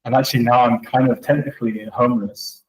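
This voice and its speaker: Husky man in an echoey empty room. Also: medium pitch, fairly even intonation. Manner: halting, restarts often. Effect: echo from a big empty room. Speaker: guest. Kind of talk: casual chat.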